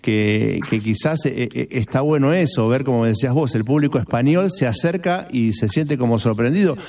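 Argentine male radio host, warm tone, slightly distant mic, chatty with restarts. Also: mid-range voice, moderate pace. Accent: Argentine Spanish. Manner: conversational, hesitant restarts. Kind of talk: radio interview.

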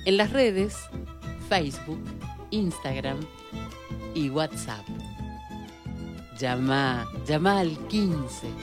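A woman radio announcer reading promos in a drawn-out, sing-song manner. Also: low voice, lively intonation, music in the background.

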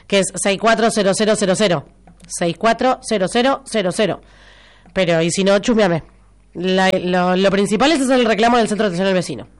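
With a medium-pitched, clean voice and a cold-stuffed nose, this woman hosts local radio with a Rioplatense Argentine accent. She reads listener messages in casual live chat, teasing and chatty, repeating information for listeners.

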